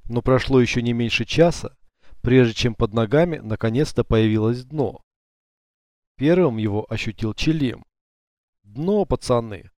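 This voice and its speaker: Mellow, dry-voiced male audiobook narrator. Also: medium pitch, no echo. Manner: even, measured storytelling. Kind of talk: scripted narration.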